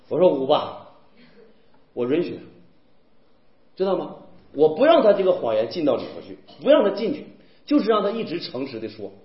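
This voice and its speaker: Animated preaching man, echoey room. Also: on the high side, muffled recording. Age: young adult. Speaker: pastor. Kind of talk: sermon.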